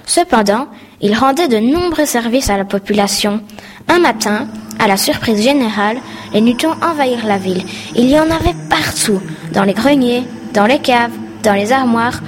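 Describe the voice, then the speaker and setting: A woman's voice: fairly high pitch, lively intonation, normal speed, a little hiss or hum. Woman reading a storybook aloud. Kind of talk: scripted narration.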